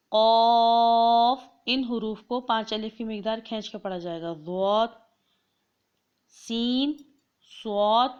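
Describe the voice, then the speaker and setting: A woman teaching Quran pronunciation to children's teachers, drawing out each letter slowly for listeners to copy. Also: mid-range voice, lo-fi sound. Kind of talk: slow instructional pronunciation lesson.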